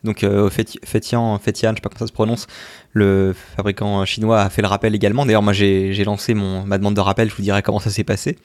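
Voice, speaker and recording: A man's voice: on the low side, level tone, fast, a little mellow, no echo, clean studio sound. A man hosting a casual tech podcast, chatty and hesitant, with many fillers. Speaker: podcast host. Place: lives in Sweden.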